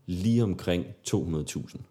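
A Danish-accented man with a lowish, relaxed, dark voice. He chats as a podcast co-host, candid and informal, wandering through his sentences and swearing now and then. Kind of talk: casual podcast chat.

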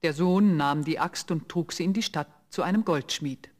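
A man giving scripted fairy-tale narration in an even storytelling voice. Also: fairly high pitch, normal speed.

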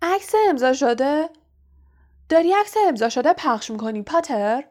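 A woman's voice: mid-range voice, close to an everyday voice. A woman voicing an arrogant, sneering schoolboy bully who taunts and mocks in a storybook reading. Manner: mocking, taunting.

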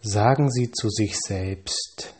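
A man calmly reading scripted guided relaxation instructions, with measured pauses and slow counting. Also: lowish voice, slightly rough.

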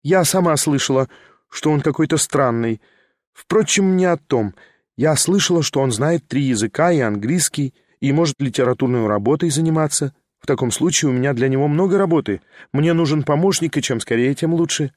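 A male reader voicing an impulsive, lively young woman in an audiobook, talking in excited, emotional bursts. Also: fairly high pitch, no echo, clean studio sound, voice pushed up, lightly acted. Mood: eager. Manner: excited, rushing, emotional exclamations. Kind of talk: audiobook character voice.

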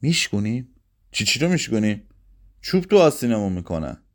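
A man doing a blunt, gruff young man. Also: medium pitch, sing-song, darkish tone, close to an everyday voice. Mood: incredulous.

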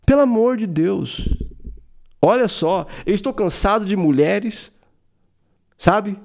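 A man's voice: high voice, animated, takes it slowly, vocal fry, a little mellow, pitched above the performer's own voice, exaggerated voice. A man voicing a whiny, entitled young Brazilian man who complains about women, ranting with self-pitying indignation.

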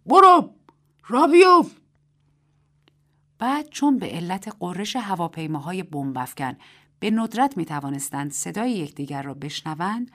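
A woman reading a literary short story aloud as narrator and host, in a measured, dramatic reading. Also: on the low side, a little mellow.

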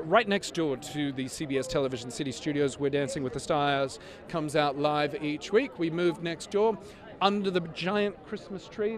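Gushing high-voiced male red carpet host. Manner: gushing, upbeat, effusive. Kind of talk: live presenting to camera, red carpet chatter. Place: outdoors at a shopping plaza. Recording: busy outdoor crowd behind.

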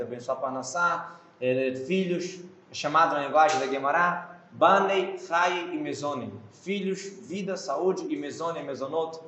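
A man's voice: fairly high pitch, fairly bright tone, roomy sound, dull audio, a little hiss or hum. A man with a Brazilian Portuguese accent teaching the weekly Torah portion, explaining Hebrew terms and asking himself questions. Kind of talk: Torah lesson.

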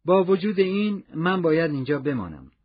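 A man's voice: a little high, big pitch swings, husky. A man voicing a guarded, cautious middle-aged fugitive who asks terse questions, in a dull lo-fi recording.

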